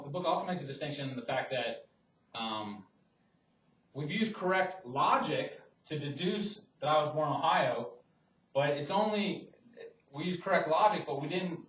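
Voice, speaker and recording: During a classroom lecture, a math teacher rambles conversationally, restarting often and using fillers. His voice is on the high side with a fairly bright tone, heard through roomy audio from a distant classroom mic.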